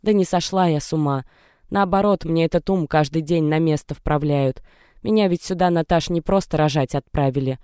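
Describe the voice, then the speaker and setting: A young woman on the edge of tears, bitter and defiant as she argues, as a narrator puts her on. The tone is mellow and smooth, read close and dry like a storybook recording. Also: medium pitch, normal speed, no room sound, lightly acted. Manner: anguished, defiant, tearful. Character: young distressed pregnant woman. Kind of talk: audiobook character reading.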